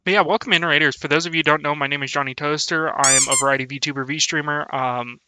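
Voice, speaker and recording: A man's voice: fairly high pitch, fairly even intonation, fast, sharp tone, clear, resonant tone. A young man chatting casually on a live stream, laughing often and thanking his viewers. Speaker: VTuber streamer.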